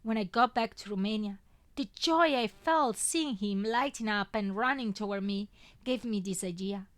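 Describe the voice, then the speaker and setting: A woman reading a first-person story aloud in an expressive, lilting way. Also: mid-range voice, moderate pace, no echo. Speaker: fanfiction reader.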